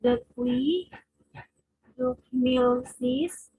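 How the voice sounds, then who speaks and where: A woman student reading a French text aloud, slowly and hesitantly, in an online class. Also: high voice, mellow, low-quality recording. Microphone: video call.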